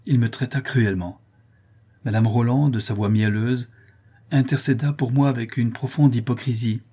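Husky man reading a classic novel. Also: mid-range voice, steady tone, warm tone. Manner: measured, literary. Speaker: audiobook reader. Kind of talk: scripted narration.

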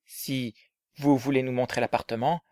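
A man voicing Riquet, an eager, affectionate young man in love, in a dramatized story reading, often hushed and conspiratorial. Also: mid-range voice, steady tone, normal speed, lightly acted.

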